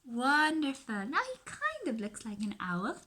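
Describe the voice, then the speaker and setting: A woman teacher giving an earnest, upbeat, encouraging phonics lesson to young children in simple short phrases with pauses. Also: sits high, huge pitch swings, sharp tone. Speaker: early-years literacy teacher.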